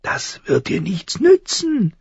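A man voicing a mocking, stern crow with a high, thin, croaking voice, speaking slowly and softly. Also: wildly swooping pitch, no room sound, dull audio, full character voice. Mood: teasing. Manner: slow, hushed, at times shrieking.

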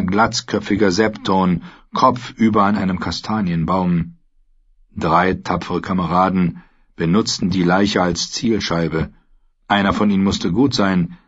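A man narrating a fantasy audiobook in a measured, dramatic reading. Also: on the low side, slightly rough, muffled recording.

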